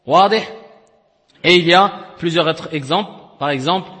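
Guy teaching a recitation class, high bright voice, lots of long reverb in the room. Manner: explains step by step, often checks with "d'accord?" and "clair?"; chants recitation examples slowly. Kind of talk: recorded tajwid lesson.

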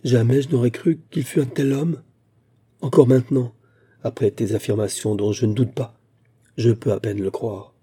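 A man voicing a gentle, sympathetic widow who speaks in a soft, measured way. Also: medium pitch, steady tone, husky, natural voice.

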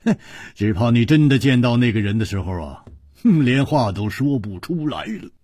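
A man's voice: mid-range voice, very animated, moderate pace, dark tone, dry recording, clean studio sound. A man voicing a hot-tempered, hard-drinking swordsman who mocks and grumbles. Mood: mocking. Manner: mocking, gruff, laughing.

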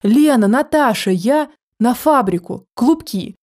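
A woman's voice: fairly high pitch, animated, a little slow, a little mellow. A woman voicing a frightened older woman who cries out in desperation. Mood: panicked.

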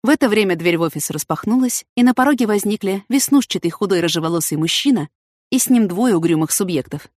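A woman's voice: medium pitch, animated, fast talker, dry recording. Woman narrating an audiobook, dry close sound.

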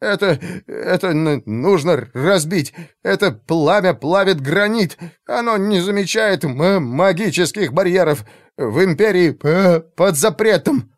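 A man voicing a terrified male mage who stammers and pleads in panic, in a dark fantasy audiobook. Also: high-pitched, lively intonation, measured pace, dry recording, studio quality, voice pushed up. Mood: urgent.

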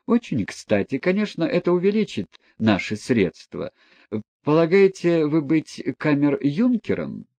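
A man's voice: a little high, huge pitch swings, measured pace, pitched above the performer's own voice, exaggerated voice. A man doing a haughty, mocking young noblewoman. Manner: sharp, teasing, imperious.

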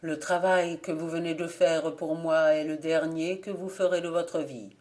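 A woman's voice: low-pitched, steady tone, measured pace, darkish tone. The Ankou, a woman voicing death's grim reaper. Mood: solemn.

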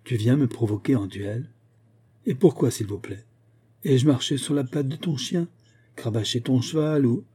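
A man's voice: medium pitch, normal speed, dark tone, breathy edge, lightly acted. A man voicing a cheerful, teasing young male officer who talks in a breezy, chatty, mocking way. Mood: incredulous.

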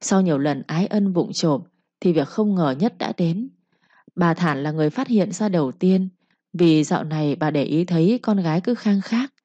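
Low mellow woman storyteller. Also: normal speed, no echo. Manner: calm, storytelling with proverbs. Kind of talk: folk story narration. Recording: dull lo-fi recording.

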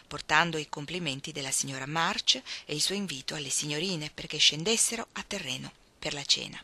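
A woman reading a novel aloud, her voice sitting fairly low but with a bright, crisp edge. She tells the story expressively, shaping each scene. The delivery is a steady read-aloud narration. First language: Italian. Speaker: reader. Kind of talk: audiobook narration.

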